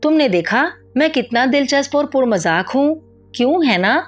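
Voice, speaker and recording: A woman voicing a bossy, rough bully boy who shouts and scolds in a storybook. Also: sits high, expressive, voice pushed up. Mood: bossy shouting.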